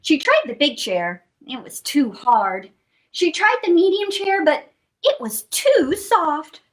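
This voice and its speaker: In a high, slow voice, a woman leads children's storytime, reading a picture book aloud with animated expression. She's playful, adds sound effects, and asks her young listeners questions as she goes.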